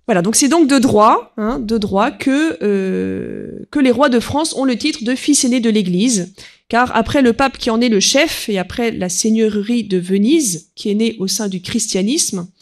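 A woman giving an unscripted history lecture, pausing often and filling gaps with small verbal tics while she reads quotes aloud. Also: a little high, lively intonation. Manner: hesitant, peppered with "voilà" and "hein", reads quotes aloud.

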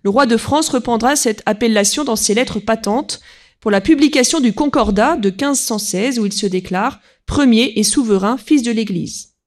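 Woman lecturer, unscripted talk, halting delivery with frequent filler words between points. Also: fairly high pitch, a little mellow. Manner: hesitant, peppered with "voilà" and "hein", reads quotes aloud.

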